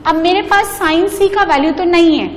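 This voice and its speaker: A woman's voice: very high voice, normal speed. A woman teaching maths, prompting students to answer and mixing Hindi and English. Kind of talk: blackboard maths lecture. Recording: classroom with long reverb, faint noise.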